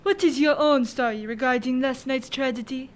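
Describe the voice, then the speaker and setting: Radio drama role: woman as fair-minded prefect of police, formal questioner, high register. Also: normal speed, close to an everyday voice. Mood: measured, formal. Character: stern, fair-minded French prefect of police presiding over a trial. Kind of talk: student radio drama acting.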